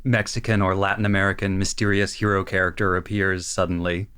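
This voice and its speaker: A man's voice: deep voice, level tone, fairly quick, a bit bright, clear, resonant tone. A man co-hosting a casual podcast discussion, making wry, joking asides. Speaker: podcast co-host.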